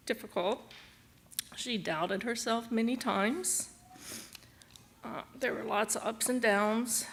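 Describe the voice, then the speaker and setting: An older woman, a graduate's grandmother, giving a slow, emotional graduation speech and holding back tears. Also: on the high side, vocal fry, fairly bright tone, a little hiss or hum.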